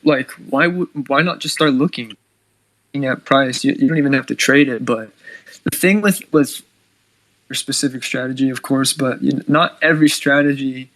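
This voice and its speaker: A man's voice: medium pitch, moderate pace, a bit bright, dry recording, rough recording. A man giving casual trading advice on a live stream, talking loosely with lots of "like" and "you know".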